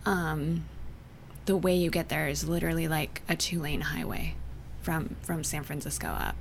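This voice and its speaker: A young adult woman from Canada and Northern California, chatting as an interview guest, soft-spoken and often trailing off into near-whispers. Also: low-pitched, moderate pace, gravelly, a little hiss or hum. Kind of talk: casual interview chat.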